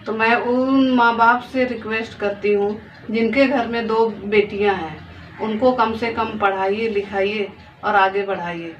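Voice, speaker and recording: A woman's voice: medium pitch, fairly even intonation, a little slow. Earnest mother in her thirties, pleading personal testimony, faint background noise on a dull recording. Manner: pleading, heartfelt, repeats phrases. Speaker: vlogger and mother of two daughters. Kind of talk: emotional personal testimony to camera. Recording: distant, dull lo-fi phone audio with faint noise.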